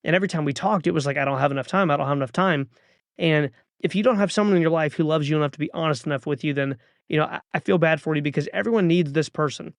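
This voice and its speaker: Thirties male podcast host; earnest motivational monologue, urging and repetitive; gravelly, dry close-mic. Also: fairly high pitch, no room sound. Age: 30s.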